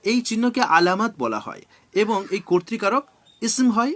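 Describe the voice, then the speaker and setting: A man with a Bengali accent, teaching a class and spelling out Arabic words letter by letter in slow, deliberate drills. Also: high voice, very animated, a bit bright.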